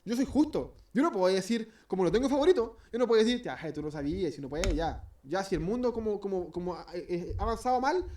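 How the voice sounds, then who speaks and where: A man's voice: high-pitched, expressive, quick pace, hardly any pauses, darkish tone, recorded from a distance. A man with a Chilean accent preaching an informal sermon in a church, rambling and hesitant with many restarts, and joking as he acts out little scenes. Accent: Chilean Spanish.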